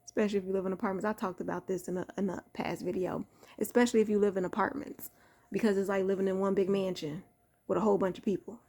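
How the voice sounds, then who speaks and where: A young woman with a Chicago accent preaching casually to her followers, fervent and repetitive, dropping into quiet asides. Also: medium pitch, little pitch movement, quick pace. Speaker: faith vlogger.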